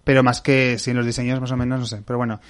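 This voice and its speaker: Very fast-talking man telling stories. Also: medium pitch, clear, resonant tone. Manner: animated storyteller, quotes others in voices. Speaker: radio guest, former TV contestant. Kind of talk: casual radio chat.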